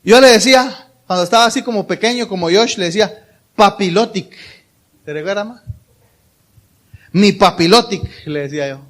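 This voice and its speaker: A male pastor preaching a sermon in a church, speaking warmly and conversationally and putting questions to the congregation. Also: high voice, fast talker. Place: church hall.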